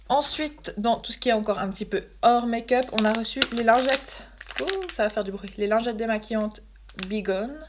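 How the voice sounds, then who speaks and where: Woman, Swiss French accent, slightly high voice, casual amused unboxing chatter. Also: slight background noise. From Switzerland. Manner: chatty, amused, laughs often. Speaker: beauty vlogger. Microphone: phone livestream.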